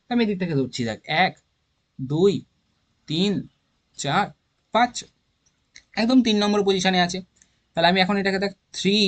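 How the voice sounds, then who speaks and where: A man with a Bengali accent explaining organic chemistry naming, thinking aloud and counting carbon atoms step by step. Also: sits high. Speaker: chemistry teacher. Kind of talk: informal classroom lesson.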